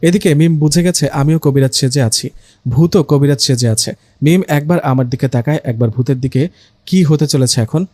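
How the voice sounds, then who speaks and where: A man's voice: fairly high pitch, moderate pace, mellow, dry recording. Man narrating a comic ghost story.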